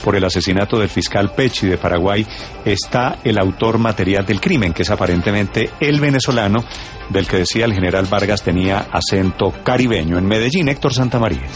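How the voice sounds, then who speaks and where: A man's voice: fairly low pitch, brisk. A man presenting news updates as a radio anchor. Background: faint music.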